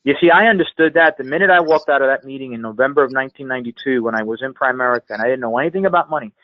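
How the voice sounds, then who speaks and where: A sales trainer appearing as a guest speaker delivers a motivational coaching talk over a conference call, his mid-range voice racing along. He speaks emphatically, repeating phrases for effect. The dry recording comes through a telephone, with the tinny, band-limited sound of a phone conference line.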